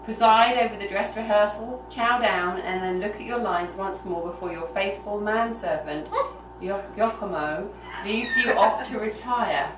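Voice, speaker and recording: Recorded in a room at a small get-together, a woman performs a story aloud in a live storytelling manner. She speaks at a measured pace in a medium-pitched voice, and the live audio is noisy and roomy from a far-off mic.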